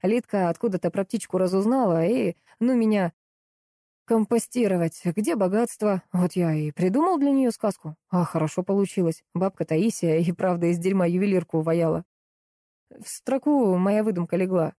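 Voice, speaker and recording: A woman's voice: lowish voice, normal speed, mellow, dry recording, studio quality, lightly acted. A woman reading an audiobook, voicing a rude, mocking middle-aged man who talks down to women and jeers bluntly. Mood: sneering. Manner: sneering, blunt, jeering.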